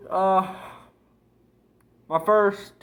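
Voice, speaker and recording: A man's voice: high-pitched, fairly even intonation, extremely slow, fairly bright tone. A young man rambling casually in a crude, slangy vlog style, talking with chewing tobacco packed in his lip. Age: young adult. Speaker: video blogger.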